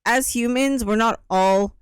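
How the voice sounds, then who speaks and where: Easygoing woman in her thirties, smooth voice. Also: a little high, a little slow, no room sound, clean studio sound. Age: 30s. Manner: easygoing, rambling with fillers. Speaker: podcast co-host. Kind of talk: casual chat.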